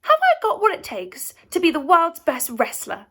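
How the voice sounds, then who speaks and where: A woman's voice: very high voice, huge pitch swings, normal speed, pitched above the performer's own voice, heavily acted. A woman voicing an eager, naive young boy who talks earnestly about becoming the best at something. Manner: earnest and bright-eyed.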